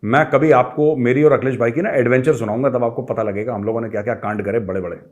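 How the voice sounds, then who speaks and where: Animated middle-aged male storyteller. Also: mid-range voice, fast, muffled recording. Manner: lively, acts out quoted people with raised voice, mixes English phrases. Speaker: show host telling a personal story.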